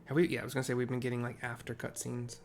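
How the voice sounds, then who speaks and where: A man's voice: mid-range voice, monotone, racing, gravelly, soft background music. A man casually narrating his way through a video game as he plays.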